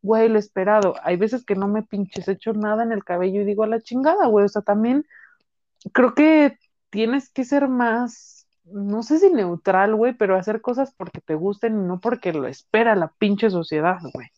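A young Mexican woman in casual, profane chat, telling animated stories. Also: mid-range voice, moderate pace, no room sound. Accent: Mexican Spanish. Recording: dull lo-fi sound.

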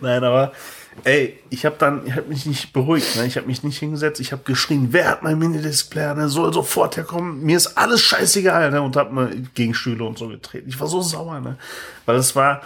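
A man in his thirties co-hosting a podcast, telling a story in lively casual chat and tagging his sentences with "ne?". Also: mid-range voice, brisk. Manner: animated, tags sentences with "ne?". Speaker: podcast co-host.

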